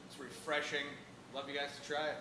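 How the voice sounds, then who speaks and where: A man in his thirties chats easily as a brewery guest, explaining things plainly. His voice sits a little high. The sound is roomy and echoey, with a clear hum of bar noise behind him. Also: level tone, fairly quick. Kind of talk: casual chat. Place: bar with bottle shelves, indoors.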